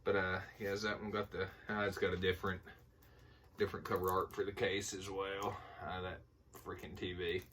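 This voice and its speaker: Low-voiced man with Appalachian hillbilly accent. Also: flat delivery, normal speed, a bit bright, slight background noise. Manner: folksy, informal. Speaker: movie collector showing a haul. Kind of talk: casual rambling haul vlog. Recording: voice distant from the mic.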